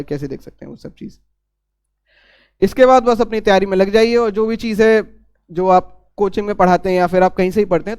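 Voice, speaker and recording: A young man giving earnest exam-preparation advice in a casual talk, pausing on fillers and restarting his phrases. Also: high voice, darkish tone, smooth. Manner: earnest, repeats himself, frequent fillers and restarts.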